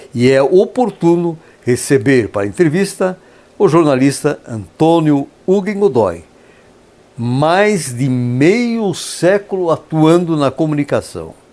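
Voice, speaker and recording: A man's voice: mid-range voice, a little mellow. A man hosting a radio interview in a studio, speaking in a formal, ceremonious way and praising his guest in flowery terms. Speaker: radio interview host, professor.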